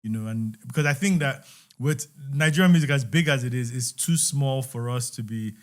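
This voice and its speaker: A man guesting on a podcast talks loosely about his rap career. His voice sits at an everyday middle pitch, and he slips into softer, quieter remarks as he goes. The delivery stays unhurried and conversational. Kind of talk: casual storytelling chat.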